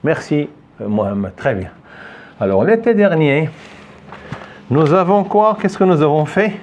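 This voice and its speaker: Man, French teacher, classroom lesson, patient drilling, slightly high voice, faint background noise. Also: big pitch swings, a little mellow. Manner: patient, repeats phrases slowly for students to echo.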